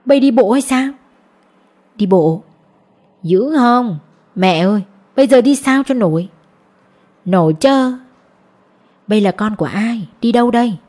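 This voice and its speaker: A woman reading an audiobook, voicing a gruff, blunt elderly shopkeeper woman who asks scolding questions. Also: fairly high pitch, expressive, measured pace, long pauses, mellow. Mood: incredulous. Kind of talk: audiobook character voice.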